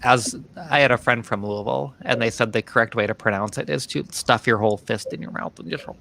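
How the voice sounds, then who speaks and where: Gravelly, bright-voiced man chatting. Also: mid-range voice, fast talker. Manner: joking, chatty. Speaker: watch party co-host. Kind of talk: casual chat.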